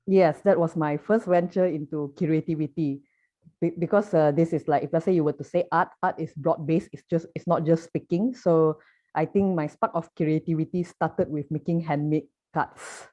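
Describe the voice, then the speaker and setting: Here the same poet and artist, a young woman from Malaysia with a Malaysian accent, talks in a low, steady, mellow voice at a moderate pace. Her relaxed interview answers are peppered with fillers and false starts, heard through muffled lo-fi sound.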